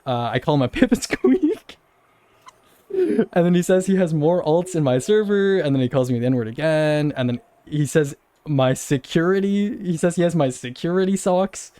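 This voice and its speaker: A man's voice: on the high side, big pitch swings, moderate pace, mellow. A young man telling a long story, rambling and repeating himself with incredulous laughs. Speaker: streamer. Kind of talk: casual storytelling rant.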